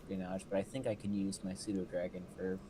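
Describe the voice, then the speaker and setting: A man's voice: low voice, flat delivery, fast, dark tone, a little hiss or hum. A man playing in a tabletop game, chatting in a jokey, playful way. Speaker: player. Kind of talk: casual chat during a tabletop game.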